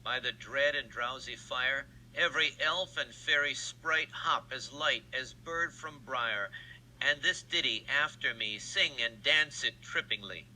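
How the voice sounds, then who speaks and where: A man's voice: medium pitch, unhurried, bright, forceful tone, slight background noise, rough recording. A man playing a regal fairy king. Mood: solemn. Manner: solemn, ceremonial blessing. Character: regal male fairy king, solemn and commanding. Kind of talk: recorded stage reading of verse.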